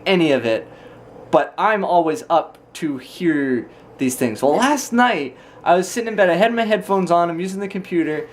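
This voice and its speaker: A vlogger chatting casually to camera, telling stories in an animated way and acting out reactions. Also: mid-range voice, a little hiss or hum. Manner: animated retelling with imitated reactions. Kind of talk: casual storytelling chat to camera.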